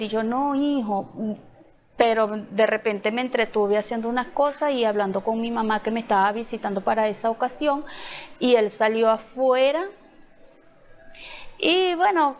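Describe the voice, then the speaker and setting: A middle-aged woman shares a personal testimony in church. Her voice sits fairly high, and she tells the story with emotion, often pausing, restarting and acting out what each person said. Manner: emotional storytelling, acts out dialogue, halting restarts. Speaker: church member giving testimony.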